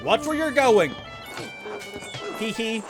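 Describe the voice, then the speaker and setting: A man's voice: high-pitched, animated, brisk, over music. A man voicing a mischievous male jester in a raised, mocking voice.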